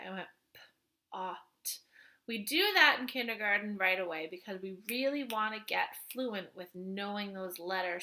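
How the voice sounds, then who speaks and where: A woman's voice: mid-range voice, pushed and bright. A woman teaching phonics to young children, patiently stretching out letter sounds as she builds words. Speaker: kindergarten teacher.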